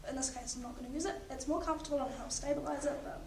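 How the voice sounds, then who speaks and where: Calmly instructing the patient through every step, a young paramedic student narrates her clinical skills demonstration at a rapid-fire pace for a practical exam. Her high voice is hoarse, and she's recorded at a distance in an echoey, noisy room.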